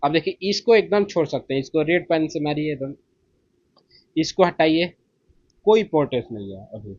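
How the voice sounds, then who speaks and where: In a dry, slightly muffled recording, a man with a medium-pitched voice teaches an exam-prep lesson. His style is casual and chatty, and he tacks "theek hai" onto every point.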